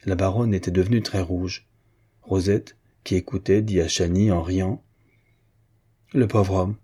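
Husky, low-voiced male narrator. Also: steady tone, moderate pace, warm tone. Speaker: audiobook narrator. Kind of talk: audiobook reading of a classic novel.

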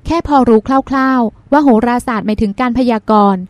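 A calm woman doctor , voiced by a woman narrator, reasons things through in an audiobook. The voice is high-pitched, close and dry. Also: no room sound, close to an everyday voice. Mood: reasoning. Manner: measured and reasoning. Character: calm grown woman doctor, thoughtful and earnest. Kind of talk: audiobook dialogue.

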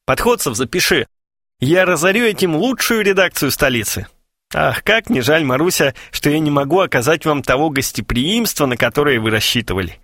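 A cheeky, self-satisfied young man who loves a pun, jaunty and cocky, as a male narrator puts him on. His voice bounces lively up and down. The sound is dry and close. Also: fairly high pitch, a little fast, dry recording, pitched above the performer's own voice.

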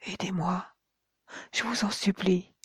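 A reader voicing a very young, ghostly cursed woman who pleads in soft whispers with old-fashioned courtly address. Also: mid-range voice, fairly even intonation, unhurried, husky, dry recording, studio quality, pitched above the performer's own voice. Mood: pleading whisper. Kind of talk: audiobook character voice.

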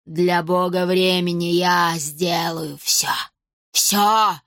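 A woman voicing a gloating undead old woman villain in an audiobook, with slow, hissing speech. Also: fairly low pitch, steady tone, a bit bright, no room sound, clean studio sound, full character voice. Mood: gloating triumph. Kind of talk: audiobook character voice.

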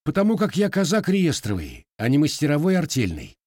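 Male reader doing a blunt Cossack smith, curt and scornful, raised pitch, dry sound. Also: huge pitch swings, a little fast, a little mellow, dry recording. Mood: stern. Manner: curt, contemptuous. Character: proud male Cossack blacksmith, hard and blunt.

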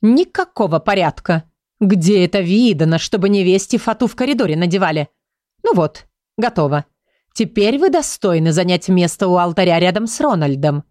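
A woman's voice: fairly low pitch, lively intonation, moderate pace, darkish tone, no room sound, clean studio sound, natural voice. Woman voicing a stern bossy older noblewoman. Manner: curt, commanding, grumbling.

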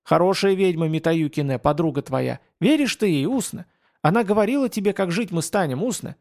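A man's voice: sits high, animated, a little fast, darkish tone, voice pushed up. Mayuni, a man doing a devoted young tracker. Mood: pleading. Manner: old-fashioned speech, repeats "da". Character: young male Ostyak tracker, devoted and simple.

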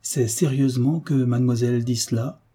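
A man's voice: medium pitch, fairly even intonation, fairly quick, warm tone, breathy edge, lightly acted. A man voicing a devoted, fawning governess in an audiobook, fussy and deferential. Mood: flustered. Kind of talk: audiobook character reading.

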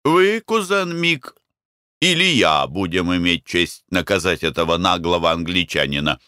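A man's voice: sits low, animated, measured pace, pushed and bright, smooth, dry recording, studio quality, full character voice. A man voicing a proud, hot-headed young man who speaks in a heated, declamatory way.

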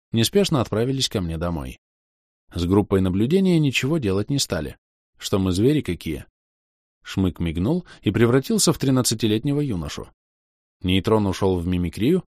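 Low-voiced, expressive male audiobook narrator. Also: no echo, clean studio sound. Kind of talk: first-person fantasy novel narration.

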